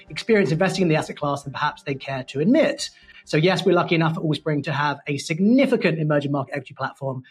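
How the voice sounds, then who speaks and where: A man's voice: a little high, breathy edge. Polished London man hosting a podcast. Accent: London English. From England. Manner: polished, playful, wordy. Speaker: podcast host. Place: studio.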